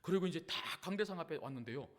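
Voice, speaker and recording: A middle-aged male pastor preaching a sermon, telling stories in an animated way that moves from hushed asides to loud, impassioned prayer. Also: on the high side, rapid-fire.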